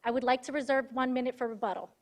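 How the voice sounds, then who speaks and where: Young woman, high pitch, student counsel, formal oral argument, rehearsed delivery. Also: flat delivery, racing. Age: young adult. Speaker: law student arguing as counsel.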